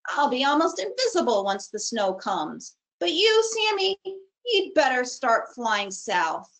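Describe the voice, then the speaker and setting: A woman's voice: high voice, very animated, measured pace, fairly bright tone, full character voice. A woman voicing a confident ground bird who chuckles and talks in a knowing, teasing way in a storybook reading. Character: confident grown ptarmigan, teasing and relaxed.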